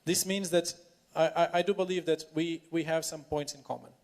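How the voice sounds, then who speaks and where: A man giving a semi-improvised conference speech, halting and repeating words, yet emphatic. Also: on the high side, steady tone, darkish tone. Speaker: political panel speaker.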